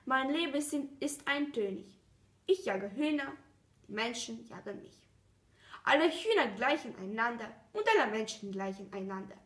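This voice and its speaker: A woman voicing a gentle, curious male fox in a storybook reading, earnest and coaxing, recorded with a roomy echo. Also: fairly high pitch, animated, normal speed. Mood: wistful.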